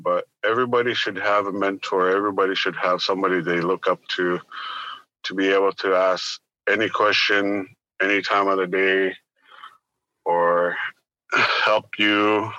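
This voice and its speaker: A man from Arctic Canada, giving plain-spoken, reflective interview answers and pausing between phrases. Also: low-pitched, pushed and bright, no echo, highs cut off. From Arctic northern Canada. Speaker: interview guest, business owner.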